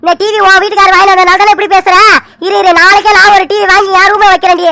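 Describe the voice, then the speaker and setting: A woman voicing a quarrelsome aunt in an animated joint-family drama, scolding sharply. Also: extremely high pitch, rapid-fire, no echo, full character voice. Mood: angry scolding.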